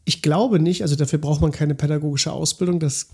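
A man's voice: fairly high pitch, steady tone, a little fast, dark tone, husky. A man co-hosting a casual discussion podcast, thinking aloud and often restarting his sentences. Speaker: podcast co-host.

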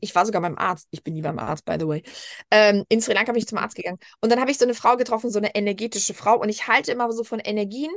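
A woman in her thirties, a podcast guest, telling stories in lively casual chat and acting out the quoted dialogue. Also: a little high, no room sound, clean studio sound.

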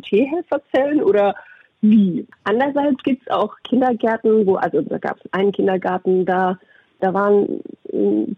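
A middle-aged woman with a husky voice answers interview questions conversationally, telling anecdotes about her work. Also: mid-range voice, no echo. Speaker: interviewee, doctor and puppeteer. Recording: thin phone-like radio sound.

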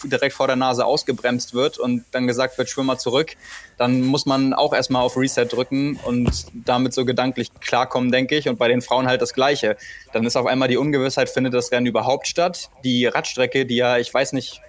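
A man chats as a podcast expert over a remote link. He talks in halting runs, stopping and restarting while he works out his points. His pitch sits in the middle range. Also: little pitch movement. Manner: hesitant, many fillers and restarts, thinking aloud. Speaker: podcast co-host, triathlon expert. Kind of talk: casual podcast chat. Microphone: remote call.

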